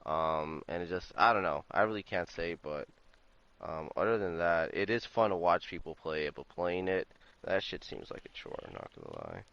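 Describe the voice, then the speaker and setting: A man's voice: deep voice, very animated, normal speed, creaky, fairly bright tone. A young man co-hosting a casual gaming chat, blunt and swearing freely. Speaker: co-host. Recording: slightly dull, lo-fi mic.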